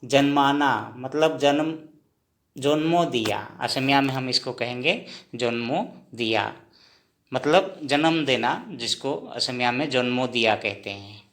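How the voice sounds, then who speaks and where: A man teaching a language lesson, explaining words slowly and repeating each one, often checking in with his viewers. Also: medium pitch, animated, fairly bright tone, reverberant. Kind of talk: slow spoken lesson, explaining word by word.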